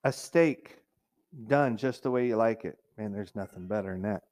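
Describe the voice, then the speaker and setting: A man's voice: on the low side, normal speed, a little mellow. Conversational middle-aged male preacher. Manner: conversational preaching, mimics complainers in a raised whiny voice. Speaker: pastor. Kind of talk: sermon.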